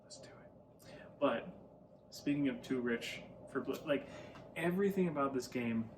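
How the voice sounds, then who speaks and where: A man co-host rambles enthusiastically about a board game, full of fillers and quick laughs. He is heard from a little way off the microphone. Clear background noise sits under him. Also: mid-range voice, animated, distant mic. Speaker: podcast co-host. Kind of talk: casual chat.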